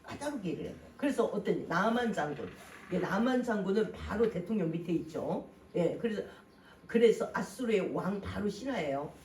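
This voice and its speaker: A pastor delivering a Sunday sermon with lively swings between loud and soft, posing rhetorical questions to the congregation. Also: medium pitch, moderate pace, slight background noise. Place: church sanctuary. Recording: roomy hall from a distant mic, faint ambience.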